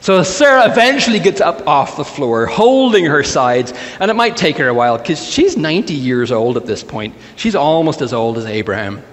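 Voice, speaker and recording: A man's voice: fairly high pitch, big pitch swings, normal speed, few pauses, long reverb tail. A man preaching a humorous sermon, telling jokes in a playful storytelling manner. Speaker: pastor. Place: church sanctuary.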